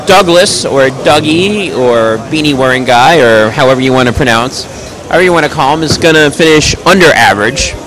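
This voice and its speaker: A man covers a bowling match live in the alley, his voice carrying loudly as he mixes calls with joking banter. Mid-range and expressive, he talks fairly quickly over crowd noise on poor audio.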